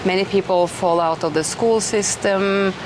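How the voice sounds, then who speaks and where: A woman's voice: mid-range voice, moderate pace. Chatty middle-aged woman outdoors. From Norway. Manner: chatty and enthusiastic, with frequent restarts and fillers. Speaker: host. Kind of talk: casual conversational interview. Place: outdoors in an eco village. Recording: noisy outdoor recording.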